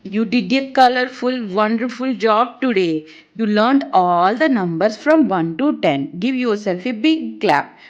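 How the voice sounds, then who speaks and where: A woman presents a children's lesson in a high, very animated voice. She addresses small children in short, encouraging phrases, like a preschool teacher. The sound is slightly dull and lo-fi. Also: unhurried. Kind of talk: children's educational narration.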